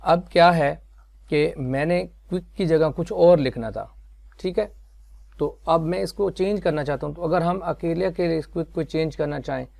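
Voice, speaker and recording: Gravelly-voiced man. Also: fairly high pitch, darkish tone, dry recording. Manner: unhurried step-by-step explaining with fillers. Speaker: software tutorial teacher. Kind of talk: screen-recorded tutorial.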